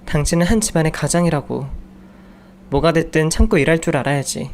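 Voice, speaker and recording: A man's voice: a little high, fairly quick, slight background noise, lightly acted. A man voicing an exasperated young wife and mother who nags her jobless husband in a raised voice. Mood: scolding. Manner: scolding, raised voice.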